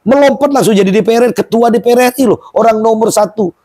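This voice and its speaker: A man's voice: high-pitched, quick pace, a little mellow, no echo, studio quality. A middle-aged man founding a Quran museum and boarding school, telling his story in an emphatic, emotional way during an interview.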